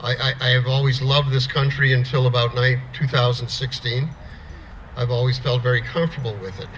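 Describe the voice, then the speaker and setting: A man's voice: mid-range voice, fairly bright tone, slight background noise, rough recording. A middle-aged man from the United States telling a plainspoken story at an outdoor rally, restarting words as he goes. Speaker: rally speaker.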